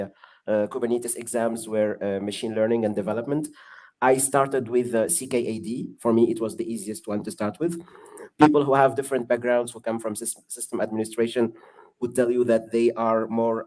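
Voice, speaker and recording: A man, a guest on an online panel, explaining things in a measured way over a video call. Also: medium pitch, a little mellow. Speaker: guest expert. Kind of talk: casual online panel chat.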